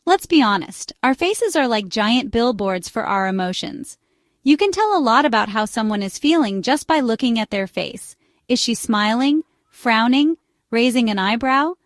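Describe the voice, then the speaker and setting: A woman's voice: a little high, no echo, clean studio sound. A woman narrating scripted relationship advice, chatty and speaking straight to the listener. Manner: chatty, direct address to the listener.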